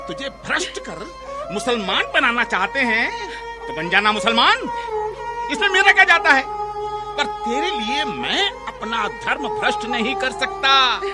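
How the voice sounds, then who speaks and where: A man plays a cruel villager with a high, lively, jumping voice, snapping and shouting. Loud music runs under him in this staged street play. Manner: harsh, dismissive, shouting. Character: harsh, callous village man.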